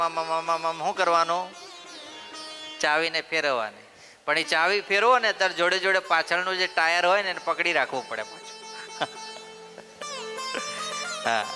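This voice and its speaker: A man with a Gujarati accent tells a devotional story to his audience in a temple hall. His voice sits a little high and rings very bright. He keeps throwing questions at his listeners and answering them, over a long reverb and faint instrumental music. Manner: asks the audience questions and answers them himself, playful teaching tone. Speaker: preacher telling a religious story.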